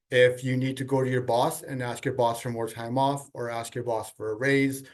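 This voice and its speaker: A man with braces slightly impeding his speech gives emphatic advice as an employer on a panel, checking in with listeners as he goes. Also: mid-range voice. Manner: emphatic, repeats "okay?" as a check.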